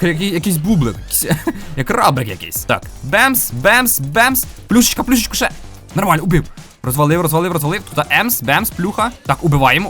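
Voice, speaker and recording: Man, fairly high and very animated voice, playful gameplay commentary, faint music behind. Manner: playful and upbeat, with frequent sound-effect interjections. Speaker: gaming video host.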